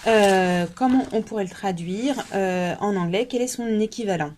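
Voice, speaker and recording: A woman hosting a relaxed language workshop video. She talks in a chatty, hesitant way, pausing often on fillers and restarting her sentences, at an ordinary pitch for a woman. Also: a little hiss or hum. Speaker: English workshop leader. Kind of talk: casual video lesson.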